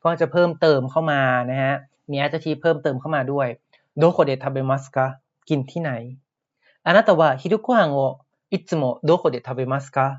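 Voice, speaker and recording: A man teaching Japanese words in a podcast lesson, explaining patiently and repeating each word slowly. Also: a little high, highs cut off.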